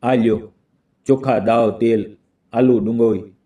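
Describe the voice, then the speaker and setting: A kind, poor young man speaks soft and tender promises, voiced by a male narrator. The tone is very dark and mellow. The voice sits a little back from the microphone in this storybook reading. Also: medium pitch, fairly even intonation, takes it slowly, far from the mic, natural voice. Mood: reassuring.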